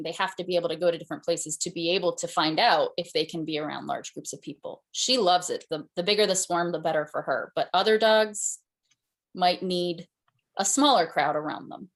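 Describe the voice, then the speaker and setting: A woman presenter answering audience questions in a conversational way, with fillers and restarts. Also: on the low side. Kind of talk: conference Q&A answer.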